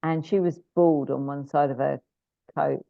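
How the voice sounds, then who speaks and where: A chatty, animated woman with a low-pitched voice, trading stories as a guest. She restarts sentences often and fills gaps with "you know." The sound is dry and thin, like a call over a phone line. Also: unhurried, vocal fry, no echo. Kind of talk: casual interview chat.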